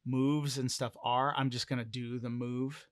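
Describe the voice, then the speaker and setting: A man telling a solo tabletop role-play adventure in an unhurried, deliberate way, letting each beat land slowly. His mid-pitched voice sounds dry and close, with no room echo around it. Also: level tone. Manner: measured, deliberate storytelling. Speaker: solo game narrator.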